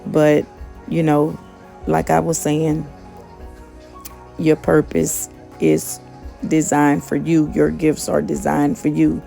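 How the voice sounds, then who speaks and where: A woman who is a motivational vlogger and gig worker talks about motivation in a casual vlog, speaking unhurriedly in what she herself calls a monotone. Her voice is deeply gravelly and mellow, her talk conversational and full of fillers and restarts, with soft music faint in the background.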